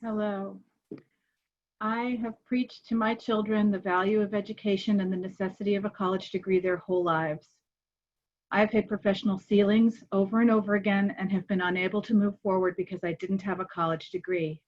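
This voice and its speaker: A woman's voice: medium pitch, flat delivery, fairly quick. A woman graduate reading an earnest, prepared speech over a video call. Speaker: graduating scholar. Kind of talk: prepared speech, read aloud. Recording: dull lo-fi call audio.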